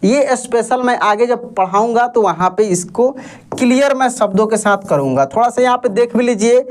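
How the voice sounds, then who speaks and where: Animated and moderately paced, this very high-pitched male voice belongs to a Hindi teacher running an online class. He poses questions, then patiently supplies the answers, while reassuring his students that there's nothing to worry about.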